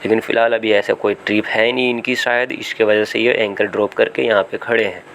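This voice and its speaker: A man's voice: on the low side, little pitch movement, fairly quick, gravelly, a bit bright, a little hiss or hum. A man with an Indian Hindi accent giving casual commentary over phone footage from a small vessel at sea, thinking aloud with restarts and fillers. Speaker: seafarer vlogger. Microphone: phone camera.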